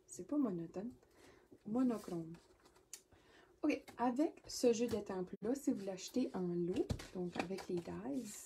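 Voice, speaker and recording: A woman with a Québécois accent demonstrates card making at her craft desk, chatting and thinking aloud as she works and sometimes dropping to a soft murmur. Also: mid-range voice. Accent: Québécois French. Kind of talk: casual crafting tutorial. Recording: noisy with crafting clicks.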